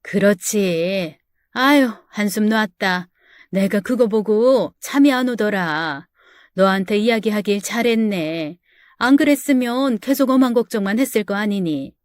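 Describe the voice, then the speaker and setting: A woman voicing a worried older mother who speaks slowly and softly. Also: mid-range voice, animated, dry recording, clean studio sound, close to an everyday voice. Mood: relieved.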